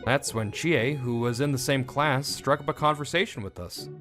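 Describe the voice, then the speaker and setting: Over clear background music, a young male actor voices the lead of a comic dub and recounts his own story in scripted form. His mid-pitched, slightly bright voice sounds wounded, bitter, and reflective, delivered at a moderate pace with light acting.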